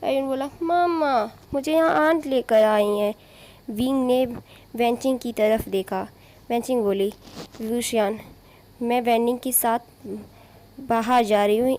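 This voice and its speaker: A woman's voice: fairly high pitch, mellow. A woman narrating a fan story in a casual, chatty way, with asides and restarts as she reads out the characters' lines. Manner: informal retelling with asides and restarts. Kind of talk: casual fanfiction retelling.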